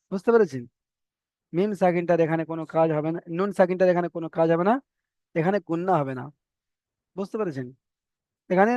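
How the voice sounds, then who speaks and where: A man with a fairly high voice teaches a reading lesson, spelling out each letter and syllable in a slow, drawn-out way and stopping again and again to check that his students follow. The sound is dry and a little dull. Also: darkish tone, no echo.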